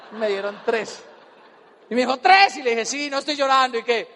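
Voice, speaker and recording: A Colombian man telling a personal story as a motivational speaker, animated and comic, acting out voices. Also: very high-pitched, fairly quick, long reverb tail. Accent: Colombian Spanish. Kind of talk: storytelling talk on stage.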